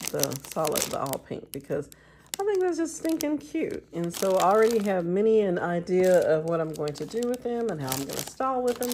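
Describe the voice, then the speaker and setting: A woman's voice: medium pitch, darkish tone, slight background noise. A middle-aged woman, chatting affectionately through a shopping haul as a vlog host and laughing often. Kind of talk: casual shopping haul chat.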